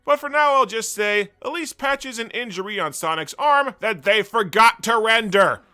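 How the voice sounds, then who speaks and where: A man's voice: high-pitched, animated, normal speed, bright, forceful tone, smooth. A man narrating a scripted video game review, sarcastic and ranting, with frequent swearing. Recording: voice-over with faint music.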